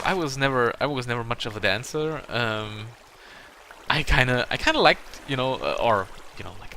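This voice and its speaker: A German man, a native German speaker with a German accent, hosts a Let's Play gaming video, rambling casually and hesitantly with self-conscious asides and chuckles at himself. His mid-range voice has a sharp tone, with slight background noise.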